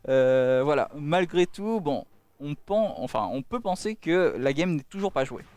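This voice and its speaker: A man giving excited esports caster play-by-play, full of repeated exclamations. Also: fairly high pitch, a little slow, smooth. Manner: exclamatory, with repeated cries of dismay and amazement.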